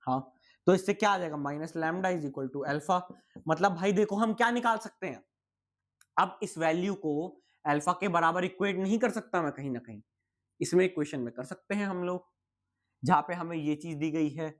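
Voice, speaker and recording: A man's voice: on the high side, moderate pace. A young man teaching physics in a casual, chatty exam-prep lecture, asking and answering his own questions and sounding tired.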